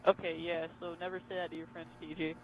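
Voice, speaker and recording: Young guy with a real high voice joking around while gaming, lots of noise behind. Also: little pitch movement, quick pace. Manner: teasing, jokey, laughs often. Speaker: co-host. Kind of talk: casual gaming chat. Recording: noisy background.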